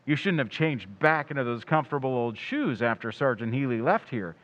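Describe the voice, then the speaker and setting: A man's voice: medium pitch, animated, a little fast, a bit bright, dull audio, close to an everyday voice. A man playing a confident, probing crime photographer sleuth in an old-time radio drama. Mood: probing, accusing.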